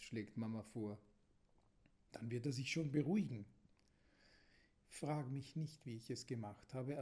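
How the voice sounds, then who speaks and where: Gravelly, mellow male storyteller. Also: mid-range voice. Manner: calm, gentle reading that drops to a whisper at times. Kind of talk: reading a children's story aloud.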